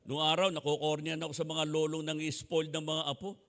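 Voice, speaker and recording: A high-voiced older man with a Filipino accent preaches a sermon, his tone gravelly and sharply bright. He shifts from folksy stories to loud, fervent calls. The sound carries a long reverb from the church hall. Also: a little fast. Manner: animated, switches between storytelling and shouted exhortation.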